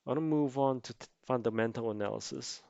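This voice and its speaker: Gravelly man explaining in a tutorial, muffled sound. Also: medium pitch, fast talker, dark tone, no room sound. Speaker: amateur investor presenting a tutorial. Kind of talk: explanatory investing tutorial voice-over.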